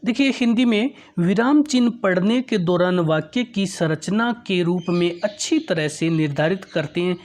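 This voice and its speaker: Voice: mid-range voice, moderate pace, few pauses, darkish tone. Patient teacher explaining grammar. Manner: patient, repeats points, often says "look"; mixes English terms into Hindi.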